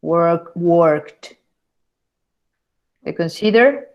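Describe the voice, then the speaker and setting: A woman teaching an online English class. Her voice sits a little low, and she talks slowly, repeating verb forms deliberately so students can copy them. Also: highs cut off. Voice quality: repeats words slowly to model pronunciation.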